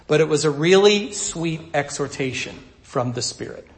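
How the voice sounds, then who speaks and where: A man preaching a sermon, teaching in a conversational way and swinging between loud urging and soft asides. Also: fairly high pitch, lively intonation, normal speed, echoey room. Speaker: pastor.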